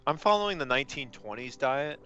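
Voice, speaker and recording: A man hosting a gaming livestream, rambling through jokey stories with a lively, bouncing delivery. His tone is bright and edgy, and the mic sounds dull and lo-fi. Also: medium pitch, a little fast, a little hiss or hum. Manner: joking, rambling storyteller. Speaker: streamer host. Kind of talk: casual gaming stream chat.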